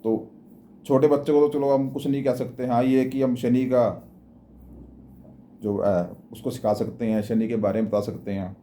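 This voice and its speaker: Mellow-voiced man giving devotional advice. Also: medium pitch, fairly even intonation, moderate pace, a little hiss or hum. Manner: plain, repetitive, advising tone with frequent restarts. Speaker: astrology and devotional speaker. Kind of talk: casual spoken explanation.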